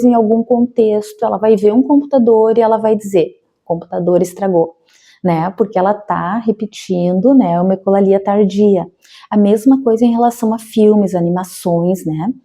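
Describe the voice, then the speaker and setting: Mellow-voiced woman explaining to parents. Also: mid-range voice. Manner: conversational, frequent tag questions. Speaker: educational psychologist.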